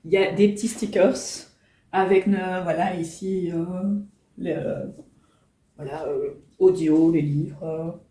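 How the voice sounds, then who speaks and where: Middle-aged woman book vlogger, chatty and self-teasing, mellow tone, heard from a few feet off in a roomy room. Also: fairly low pitch, steady tone, slow, a little hiss or hum. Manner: chatty, self-mocking, many hesitations. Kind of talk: casual chat to camera. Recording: roomy and a bit distant.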